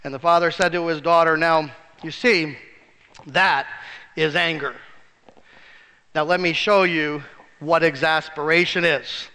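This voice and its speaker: Bright-voiced pastor preaching in a reverberant hall. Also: male voice, fairly high pitch, steady tone, unhurried, pauses often, smooth. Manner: storytelling with acted-out voices in jokes; rises sharply for emphasis. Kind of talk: sermon.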